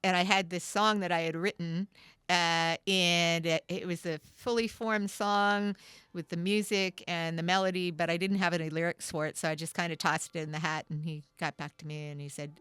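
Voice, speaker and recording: A middle-aged woman talks in a low, deep register. She tells her stories at length and wanders through asides, fillers and restarts. The sound is dry and close, with no room around it. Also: flat delivery, a little fast, fairly bright tone, clear, resonant tone, no echo. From Canada. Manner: rambling storyteller, lots of fillers and restarts. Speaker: guest musician and writer. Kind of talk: casual studio interview. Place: radio studio.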